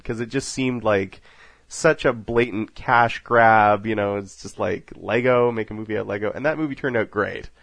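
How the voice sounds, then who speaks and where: A man's voice: mid-range voice, gravelly, dry recording. A man hosting a casual film podcast, joking and laughing often as he talks. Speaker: podcast host.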